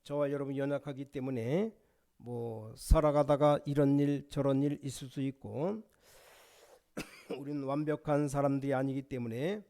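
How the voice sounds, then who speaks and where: A middle-aged man preaching a sermon as pastor, emphatic, his voice rising to near-shouts when he quotes. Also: mid-range voice, little pitch movement, normal speed.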